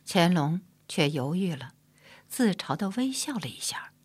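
A woman narrates a historical novel in a measured, soft-spoken way. Her voice sits low and husky, and she takes her time. The recording is close and dry. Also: sing-song, no room sound. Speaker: audiobook narrator.

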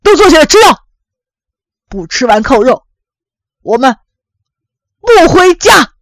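A woman's voice: sits high, big pitch swings, unhurried, dry recording, clean studio sound, voice pushed up, exaggerated voice. A woman voicing an embarrassed middle-aged man who mutters apologies to his family. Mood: commanding.

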